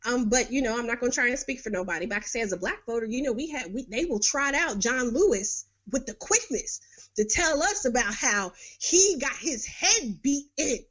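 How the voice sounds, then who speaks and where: A woman's voice: a little high, expressive, normal speed, a bit bright. A middle-aged woman from New York hosting a podcast, giving blunt, sarcastic political commentary with frequent laughs. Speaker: podcast host. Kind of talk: casual political commentary monologue.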